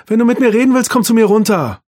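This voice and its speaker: Brisk scolding mother, pitched high, as a man puts her on. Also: lively intonation. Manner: sharp, calling from afar.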